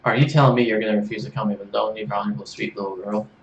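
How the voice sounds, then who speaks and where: A man voicing a brash young woman fighter in a video game, with a rough put-on Australian-British accent and a slangy, cocky way of talking. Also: on the low side, level tone, rapid-fire, muffled recording, a little hiss or hum. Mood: teasing. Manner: cocky, slangy, calls people mate. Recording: roomy room, faint game music.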